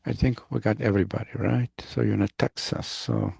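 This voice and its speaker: On a video call for online class introductions, a professor rambles and tells anecdotes, breaking off mid-thought and restarting often. He speaks briskly in a fairly low, slightly mellow voice with vocal fry and a breathy edge. The recording carries no room sound.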